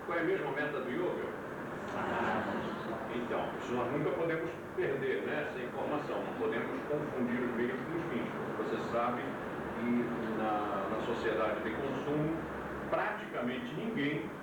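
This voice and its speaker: A man's voice: medium pitch, normal speed. A man giving a classroom lecture, quizzing his students, heard from an old VHS tape recording. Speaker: yoga teacher. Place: lecture room. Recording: hissy old VHS tape, far mic, echoey room.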